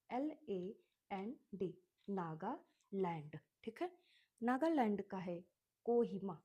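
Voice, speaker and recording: An Indian woman teacher with a mellow, darker voice, speaking very slowly. She spells words out letter by letter with patient repetition, like a lesson for young kids. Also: mid-range voice.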